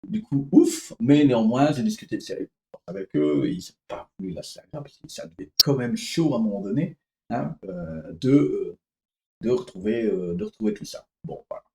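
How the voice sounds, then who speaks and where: Male vlogger telling a story, hesitant and rambling, warm tone, roomy sound. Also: medium pitch, very animated, moderate pace. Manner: rambling, hesitant, many fillers and restarts. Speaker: comics vlogger. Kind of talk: casual storytelling vlog.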